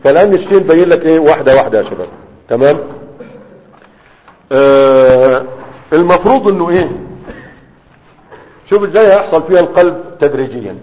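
A man with an Egyptian Arabic accent teaching a grammar lesson, often pausing on fillers and checking in with rhetorical questions. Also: on the high side, lively intonation. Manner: pauses often with drawn-out fillers while writing. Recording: dull, reverberant classroom-style recording.

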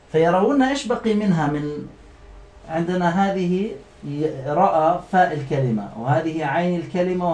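Guy teaching a class, kinda high voice, says words over slowly and keeps asking the students. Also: a little mellow, echoey room. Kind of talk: classroom lesson.

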